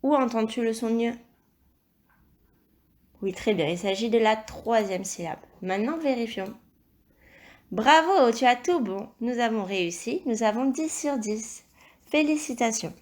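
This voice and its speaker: A woman teacher talks young children through a phonics exercise at a slow, deliberate pace, saying each word twice. Her voice sits a little high and stays encouraging and patient. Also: lively intonation. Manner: slow, careful, encouraging, spells out sounds and syllables. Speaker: primary school teacher. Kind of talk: recorded video lesson for young children.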